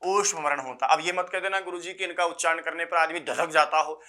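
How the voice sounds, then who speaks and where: A man teaching Sanskrit grammar for exam preparation. He repeats key phrases slowly, asks questions and answers them himself, and mixes in folksy jokes. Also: a little high, fairly even intonation, pushed and bright. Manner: folksy jokes, addresses students as sir. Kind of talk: exam-prep grammar lecture.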